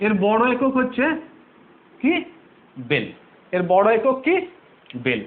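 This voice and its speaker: High-voiced male teacher on tinny audio. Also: sing-song, takes it slowly. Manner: asks rhetorical questions and answers them himself; repeats key terms, patient step-by-step explaining. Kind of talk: online physics lesson.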